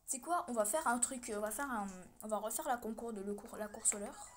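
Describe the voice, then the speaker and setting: A young woman casually commentating her own pet game, cheering loudly at her virtual dog and swearing when she loses. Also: on the high side, brisk, slight background noise. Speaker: gaming vlogger.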